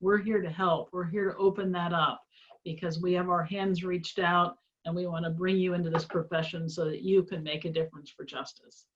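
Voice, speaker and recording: A woman's voice: on the low side, fairly even intonation, moderate pace. A middle-aged woman from a small town in Indiana, introducing a webinar as the organization's president, earnest and encouraging, with frequent fillers. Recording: slightly dull webinar audio.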